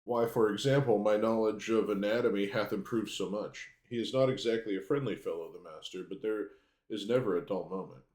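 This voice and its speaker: Man voicing a deep, cheerful talking severed head. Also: brisk, a little mellow, reverberant, close to an everyday voice. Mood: chatty, pleased. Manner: archaic, polite, unbothered speech. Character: cheerful, talkative severed head of a male assistant. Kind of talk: game dialogue read aloud.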